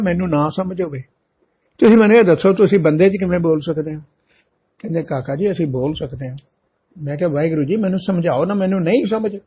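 A man giving a religious storytelling talk, animated and acting out both sides of remembered conversations. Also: a little high, breathy edge. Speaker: katha preacher. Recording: muffled lo-fi recording.

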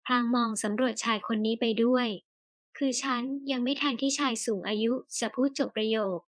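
Woman narrating an audiobook with a fairly high voice. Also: fairly bright tone, dry recording.

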